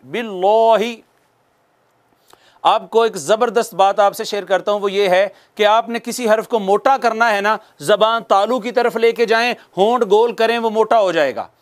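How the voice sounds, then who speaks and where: A man teaching a tajweed lesson, patiently explaining pronunciation and drawing out recited words for students to repeat. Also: high-pitched. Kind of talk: slow spoken tajweed lesson with recited examples.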